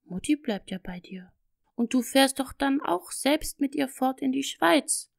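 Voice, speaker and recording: A woman voicing a gentle, tender father in a storybook, speaking warmly and teasingly. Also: sits high, expressive, a little slow, creaky, dry recording, clean studio sound, pitched above the performer's own voice, full character voice.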